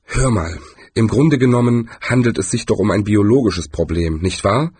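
A man voicing a friendly, pedantic talking tree that lectures slowly. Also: lowish voice, darkish tone, husky, dry recording. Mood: friendly lecturing.

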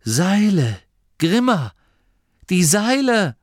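A man's voice: mid-range voice, moderate pace, no echo, natural voice. A man voicing an earnest young male gnome leader, close to his own reading voice. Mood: awestruck. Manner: earnest, near the reader's own voice.

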